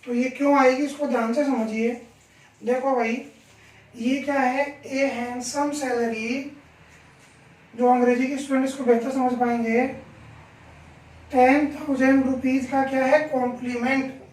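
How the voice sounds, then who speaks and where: A man teaching a grammar lesson in a classroom, his voice pitched high. He keeps asking the class questions and slowly repeats each example. The sound is roomy and echoing, picked up from across the room. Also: little pitch movement. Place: classroom with a board. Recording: echoey room, voice from far off.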